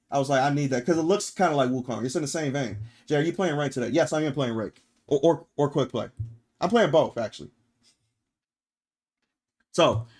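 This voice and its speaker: A man's voice: fairly high pitch, a little mellow. Blunt, profane streamer man ranting. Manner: blunt, emphatic, profane, rhetorical "right?" tags. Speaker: streamer reacting and reading chat. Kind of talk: casual livestream rant.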